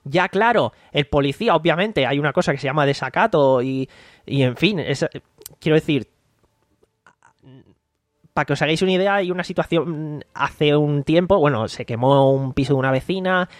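A man's voice: fairly high pitch, moderate pace, dry recording. Chatty man, close dry mic. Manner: rambling, recounts scenes by acting out quotes. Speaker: podcast host. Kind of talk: casual podcast commentary.

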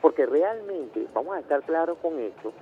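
A man's voice: a little high, expressive, moderate pace. A Venezuelan man from Caracas calling in to a radio show, insisting on his point and cutting back in again and again. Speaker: radio caller. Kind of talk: phone-in debate. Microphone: telephone. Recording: tinny phone line with faint noise.

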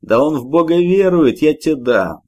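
A man's voice: on the high side, expressive, normal speed, a little mellow, pitched above the performer's own voice. A man voicing a brash, slangy young working man in an audiobook.

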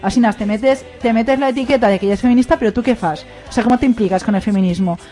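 A woman's voice: fairly high pitch, very fast, warm tone, faint music behind. A woman with an Aragonese accent, talking on a radio panel in a rambling, emphatic way. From Aragón. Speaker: radio show guest. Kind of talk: casual roundtable chat.

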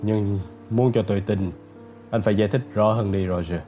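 A male narrator playing a cold, stern old judge who speaks slowly and drily, with the voice lowered. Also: steady tone, dark tone, faint music behind, lightly acted. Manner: slow, dry, clipped.

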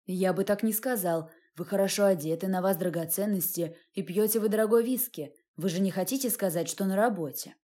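A woman's voice: medium pitch, a little fast, hardly any pauses, dark tone, close to an everyday voice. A woman reading the part of a frank, slightly teasing young man in an audiobook. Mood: blunt, curious.

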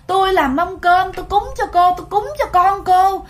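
A woman's voice: extremely high pitch, steady tone, moderate pace, pitched above the performer's own voice. A woman voicing a terrified man begging a ghost for mercy, speaking with a Southern Vietnamese accent. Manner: pleading, frantic.

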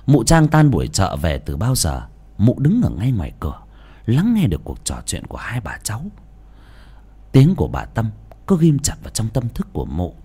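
A man narrating a dramatic audio story with sweeping, expressive delivery. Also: lowish voice, normal speed, slightly rough.

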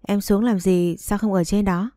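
A woman's voice: mid-range voice, fairly even intonation, normal speed, mellow, no echo, soft background music, close to an everyday voice. A woman reading the lines of a drunken, cheating young husband in a slurred, wheedling tone. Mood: drunk, mocking.

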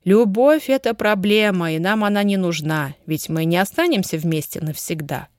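A woman's voice: no echo, studio quality, lightly acted. Woman reading as a guarded rich young husband. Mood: low, measured. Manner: slow, low, even delivery. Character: young man, wealthy husband, ardent but guarded.

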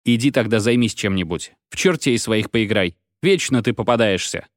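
A man reading a story aloud, voicing a gruff father who grumbles and teases. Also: on the low side, expressive, moderate pace, no room sound, clean studio sound, lightly acted. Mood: grumbling. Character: gruff, dryly ironic father.

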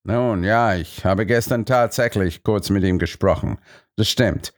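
Guy doing a smooth shifty diplomat, calm and measured, low-ish voice. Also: natural voice.

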